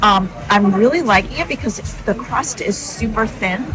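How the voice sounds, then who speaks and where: A woman's voice: medium pitch, moderate pace, over music. Chatty woman vlogging on a cruise. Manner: chatty, upbeat, addresses viewers directly. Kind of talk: casual vlog narration. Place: aboard a cruise ship.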